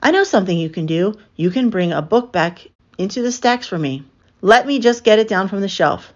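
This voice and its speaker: A woman's voice: medium pitch, animated, a little fast, lightly acted. Woman reading as a firm, polite lady librarian, muffled recording. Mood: friendly. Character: strict, kindly woman head librarian in a picture book.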